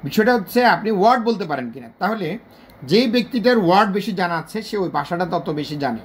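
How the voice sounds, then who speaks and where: A teacher with a Bangladeshi Bengali accent gives a spoken video lesson. The teacher is patient and repeats points, stretching example words out slowly syllable by syllable. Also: medium pitch, expressive, slightly rough. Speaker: English teacher.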